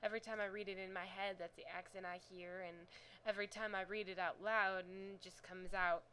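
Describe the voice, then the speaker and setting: A woman's voice: mid-range voice, flat delivery, brisk, pushed and bright, slight background noise, poor audio. A woman talking casually about her own story, rambling and apologetic in a self-conscious way. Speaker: amateur storyteller. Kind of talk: casual chat to camera.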